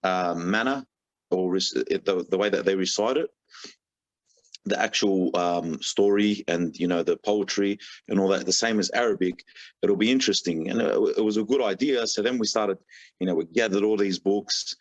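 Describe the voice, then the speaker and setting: A deep-voiced man, a religious reciter appearing as a podcast guest, talks at a moderate pace in a casual, rambling interview. He fills his speech with "you know" and "sort of" and often restarts his sentences. The podcast audio is dry, dull and lo-fi.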